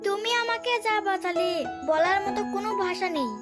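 A woman's voice: very high voice, a little fast, loud music behind the voice. A woman voicing a sweet-talking, scheming young girlfriend who coaxes money from her lover, in a dubbed comedy skit. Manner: coaxing, sugary.

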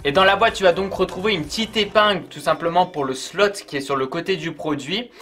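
A man's voice: sits high, brisk, sharp tone, faint music behind. A man giving a casual product review, chatty and full of fillers, talking straight to the viewer. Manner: chatty, many fillers, addresses viewer informally.

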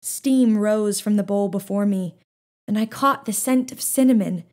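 A woman narrating a children's novel in the first person with a steady, gently expressive reading. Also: mid-range voice, unhurried. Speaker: audiobook narrator.

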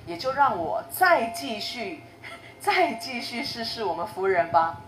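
A woman voicing a young maid who answers her mistress softly and mildly. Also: fairly high pitch, sing-song, measured pace. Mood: calm. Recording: roomy echo, faint noise.

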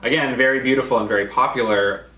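Here the young co-host of the doll collecting channel talks quickly in a mid-range voice with a bright, forceful tone, staying chatty and enthusiastic in the casual review. He's recorded in a living room, sounding distant and roomy with faint music behind him.

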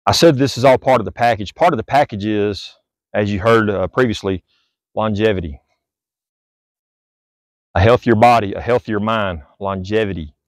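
A man's voice: fairly low pitch, moderate pace, long pauses, no room sound, studio quality. A man, a fitness vlogger giving a blunt, preachy, repetitive motivational talk to the camera outdoors on a driveway. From Southern United States. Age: 40s.

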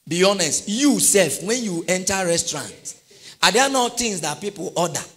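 Animated preacher man. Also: sits high, moderate pace. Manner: animated preaching with call-and-response questions to the congregation. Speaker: pastor. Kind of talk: sermon.

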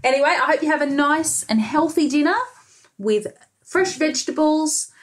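A high-pitched woman speaking at a moderate pace reads a storybook aloud for young children. She's a preschool teacher in her thirties with an Australian accent, reading expressively and commenting along the way from a small, bright indoor room.

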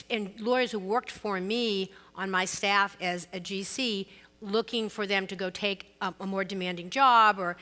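Middle-aged Boston-accented woman panelist, bright tone, long hall reverb, frank and self-deprecating. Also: mid-range voice. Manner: candid, self-deprecating, storytelling. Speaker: panelist, law firm co-managing partner. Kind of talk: conference panel discussion. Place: conference stage.

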